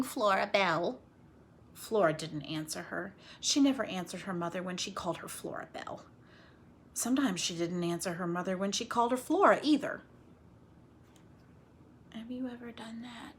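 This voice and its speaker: A woman with a medium-pitched voice reads a children's story aloud with drama, stretching out key words and slipping into hushed, chatty asides. There is slight background noise.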